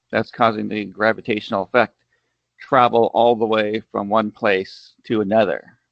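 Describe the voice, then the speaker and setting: A man's voice: fairly low pitch, measured pace, creaky, no room sound. A man interviewing over a video call who presses skeptical questions in the role of a critic. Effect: heard over a video call. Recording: dull, dry video call audio.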